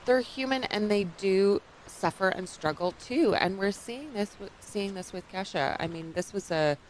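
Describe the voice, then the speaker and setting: A woman's voice: medium pitch, moderate pace, darkish tone, a little hiss or hum. A woman commentating a live trail race, chatty and drawing on her own racing, laughing now and then.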